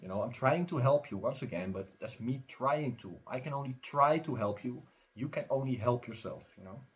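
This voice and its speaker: Husky man giving an urgent spiritual pep talk. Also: mid-range voice, moderate pace. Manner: emphatic, repetitive, urging the listener. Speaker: spiritual teaching channel host.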